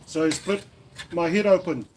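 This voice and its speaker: A man's voice: on the high side, moderate pace, darkish tone, slight background noise. A man from New Zealand with a New Zealand accent, chatting casually on a livestream over lunch, rambling with fillers and restarts. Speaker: livestream host. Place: indoors at a lunch table in the Philippines.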